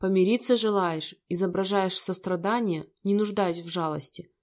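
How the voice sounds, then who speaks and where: A woman's voice: mid-range voice, steady tone, normal speed, a little mellow, close to an everyday voice. A woman voicing a cold, bitter rich young man who talks in a harsh, scornful way.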